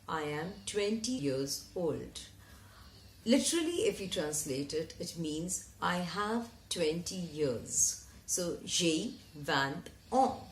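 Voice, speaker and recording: Slow, deliberate woman teaching French. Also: low voice, a little hiss or hum. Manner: spells out phrases slowly, repeating each one. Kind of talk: slow, deliberate language lesson. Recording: echoey room.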